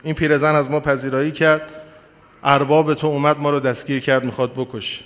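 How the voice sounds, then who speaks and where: A man's voice: fairly high pitch, little pitch movement, fairly bright tone, lightly acted. A man voicing two frightened, pious orphan boys who plead for their lives, in a tearful storytelling delivery. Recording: long hall reverb.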